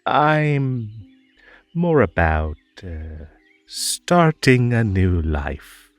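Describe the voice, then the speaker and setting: Man voicing slow, theatrical, possessive Ether Bunny. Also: fairly low pitch, big pitch swings, no room sound, faint music behind, heavily acted. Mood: playful, mysterious. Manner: theatrical, coaxing, stammering, nervous giggling. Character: the Ether Bunny, possessive, whimsical, lonely male magical rabbit host. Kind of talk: roleplay audio drama monologue.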